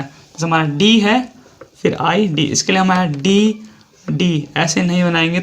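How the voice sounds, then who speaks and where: A shorthand teacher with an Indian accent explaining a lesson step by step, repeating each example and spelling words out letter by letter. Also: medium pitch.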